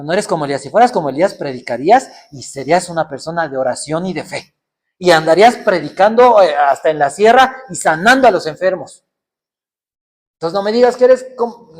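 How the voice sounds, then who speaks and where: A middle-aged preacher man with a notably high voice. He preaches by firing rhetorical questions at his listeners. He slips into mock voices to act out their excuses. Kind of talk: sermon.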